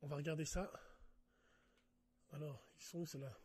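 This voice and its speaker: A man's voice: on the high side, fairly even intonation, normal speed, darkish tone. A man doing a casual livestream rant. He talks straight to his viewers, swears a lot and gets worked up. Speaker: live streamer.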